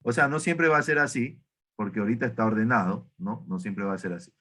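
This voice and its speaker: A man's voice: fairly low pitch, fast, bright, forceful tone. A man teaching an online math class, asking students questions and often correcting himself. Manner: questioning, self-correcting, many fillers.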